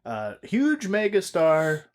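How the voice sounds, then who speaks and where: A man in his late twenties chats on a casual podcast. His voice swings up and down in pitch. He jokes a lot and swears freely. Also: slow pace. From United States. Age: 20s. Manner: animated, jokey, swears freely. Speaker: podcast co-host. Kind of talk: casual chat.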